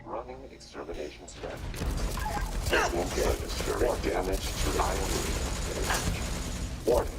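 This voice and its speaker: A man voicing a hostile combat robot through a booming metallic filter, giving clipped status announcements in a flat machine tone. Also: measured pace, pauses often, a little hiss or hum. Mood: cold. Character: hostile male combat robot, cold and mechanical. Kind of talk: video game combat voice lines.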